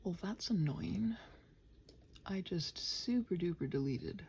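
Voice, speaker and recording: Her fairly low, slightly mellow voice has lively intonation and a slow pace, with a faint hiss or hum behind it. As a channel host working on something, she rambles scattered and muttering in body-doubling ASMR fashion, frequently near a whisper, teasing her computer and quoting imagined dialogue.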